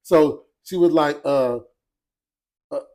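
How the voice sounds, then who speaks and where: A man's voice: fairly high pitch, takes it slowly, warm tone. A man chatting casually as a podcast guest, laughing often and trailing off mid-sentence. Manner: laughing storyteller, trailing off and restarting. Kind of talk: casual chat.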